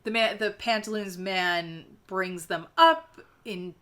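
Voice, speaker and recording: A woman co-hosting a casual book podcast with a bright, ringing voice. She talks animatedly, laughs often and swears freely as she acts out characters' lines. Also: medium pitch, slow pace. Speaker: podcast co-host.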